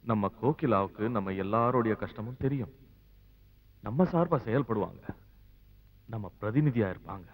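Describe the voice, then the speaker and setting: An actor playing an earnest, ailing male village leader with a raspy voice. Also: lowish voice, animated, moderate pace, long pauses. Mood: rallying. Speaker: village leader campaigning for an election. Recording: tinny phone-like film audio.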